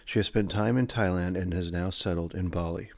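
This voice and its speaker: A man's voice: deep voice, a little fast, creaky, a little mellow, no echo, studio quality. A man hosting an interview podcast, reading sponsor messages and an introduction, then chatting with many hesitant fillers. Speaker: podcast host.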